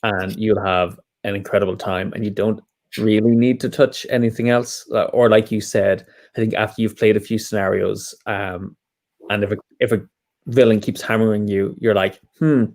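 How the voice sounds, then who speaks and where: A man with a slightly low voice talks calmly as a podcast co-host. He builds on his partner's points in an easy, agreeable way. His delivery is steady and unhurried. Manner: measured and agreeable, adding to the other host's points. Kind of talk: casual chat about board games.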